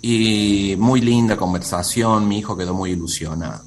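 A man's voice: on the low side, normal speed, faint music behind. A man hosting a conversation, earnestly telling a personal family story on a video call. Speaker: host. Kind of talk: casual chat.

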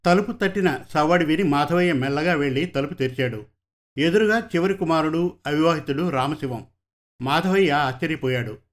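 A man narrating a story in a calm, measured way. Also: on the high side. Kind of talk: scripted narration.

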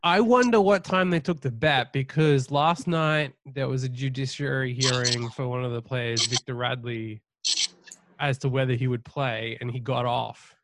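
A man's voice: mid-range voice, fairly even intonation, normal speed, slight background noise. A man hosting a podcast in casual sports betting banter, teasing and swearing freely. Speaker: podcast host.

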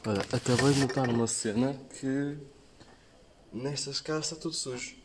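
A man's voice: medium pitch, normal speed. A young man with a European Portuguese accent chats casually and full of slang as a podcast co-host, recorded outdoors while walking. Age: young adult. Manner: slangy, peppered with filler words. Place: outdoors, walking along streets. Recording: noisy on-the-move ambient recording.

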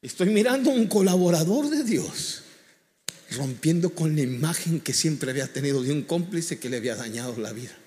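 A man's voice: a little high, animated, a little fast, darkish tone, long reverb tail. A man, a pastor preaching by telling a story with colloquial asides. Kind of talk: storytelling sermon.

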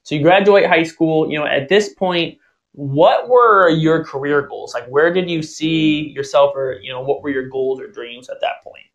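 A man's voice: fairly high pitch, normal speed, highs cut off. A man in his twenties from Ohio hosting a podcast, asking casual questions in a rambling way with lots of fillers. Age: 20s. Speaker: podcast host. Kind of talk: casual interview chat.

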